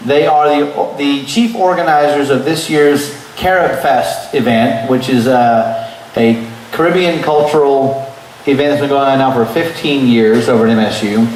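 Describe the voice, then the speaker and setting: A man's voice: fairly high pitch, far from the mic, slight background noise. Male talk host, easygoing and joking, fillers throughout; very echoey room, off-mic. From Texas. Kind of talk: casual interview.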